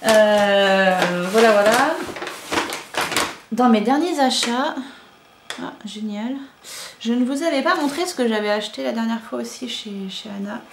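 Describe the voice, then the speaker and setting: A woman's voice: on the high side, normal speed, gravelly. A woman in her thirties, chatting casually as a knitting podcaster, rambling with many fillers and asides. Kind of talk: casual chat showing yarn to camera. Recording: echoey room with faint ambient noise.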